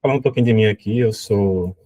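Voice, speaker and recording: A young man from Aracaju gives a relaxed design conference talk, often tagging sentences with "né?". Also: fairly low pitch, fast talker, a little hiss or hum. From Aracaju, northeastern Brazil. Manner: relaxed, frequent "né?" tag questions. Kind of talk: casual presentation talk.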